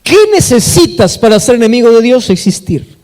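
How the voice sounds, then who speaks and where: Speaking Peruvian Spanish, this Peruvian pastor preaches with emphasis in a very high-pitched, slightly mellow voice with lively intonation and a moderate pace. The echoey hall adds long reverb as he asks the congregation questions and answers them himself.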